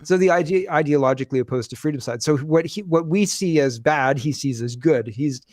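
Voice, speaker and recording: This man in his forties talks politics in a loose, rambling podcast style. His voice sits a little high, and it comes across dry and close with no room sound. He likes to drop into sarcastic mimicry of the people he is criticizing. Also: fairly quick, darkish tone, no room sound. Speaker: podcast co-host. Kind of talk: casual political chat.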